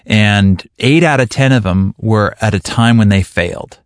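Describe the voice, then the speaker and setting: A man's voice: fairly low pitch, normal speed, dry recording, studio quality. A man interviewing a guest in a conversational way, with fillers and restarts. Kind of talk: interview questions.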